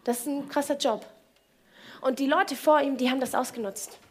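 Woman, high voice, casual devotional talk, colloquial, asks the listener direct questions. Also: steady tone, moderate pace. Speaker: speaker of a Bible devotional.

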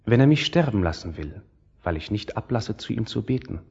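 A man playing a devout official who calmly accepts his fate in a radio play. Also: fairly low pitch, a little fast, gravelly, lo-fi sound. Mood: resigned, devout.

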